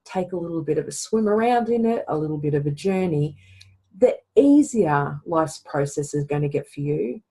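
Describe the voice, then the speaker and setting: A woman's voice: deep voice, expressive, moderate pace, warm tone, breathy edge, poor audio. A middle-aged woman hosting a reflective casual talk, speaking conversationally and often adding "right?" to her points. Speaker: podcast host.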